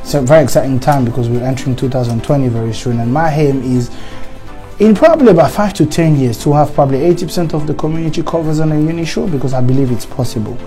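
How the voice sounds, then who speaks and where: A man from Congo, explaining his financial advice work in an interview in a steady, salesman-like way. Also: mid-range voice, fast, soft background music. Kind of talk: interview answers.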